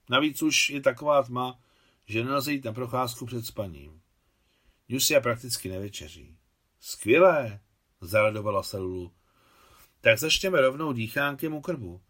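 A man reads a novel aloud as narrator. His voice sits at an ordinary middle pitch, and he lifts it for the women's lines. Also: a bit bright. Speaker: audiobook narrator. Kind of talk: scripted novel reading.

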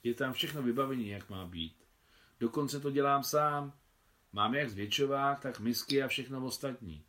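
A man reading the part of a fatherly older army officer who is a keen photographer, in a hearty, brisk manner. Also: mid-range voice, pushed and bright, voice pushed up, natural voice. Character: older male officer, kindly veteran photographer.

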